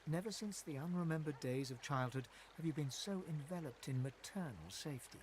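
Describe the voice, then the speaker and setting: A man playing a solemn, poetic storyteller, narrating a fantasy video game in a measured, literary way. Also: on the high side, lively intonation, darkish tone, a little hiss or hum, close to an everyday voice.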